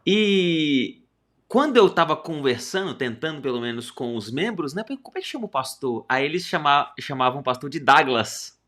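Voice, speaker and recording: Dude telling a funny story on a podcast, keeps correcting himself, mid voice. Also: male voice, fairly high pitch, moderate pace. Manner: animated anecdote with self-corrections. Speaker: podcast co-host. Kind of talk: casual storytelling chat.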